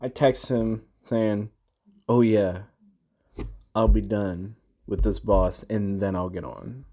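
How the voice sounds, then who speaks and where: A man's voice: fairly low pitch, dark tone. A young man casually recapping a frustrating game boss fight, rambling, slangy and full of swearing. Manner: slangy, profane, rambling with restarts. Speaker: gamer recounting a boss fight.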